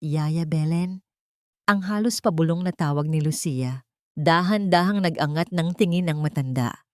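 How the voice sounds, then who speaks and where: Reading a dramatic scripted story aloud as an audiobook narrator, a woman with a Filipino accent speaks at normal speed. The pitch is fairly low, the tone darkish, and the recording is dry and studio-clean.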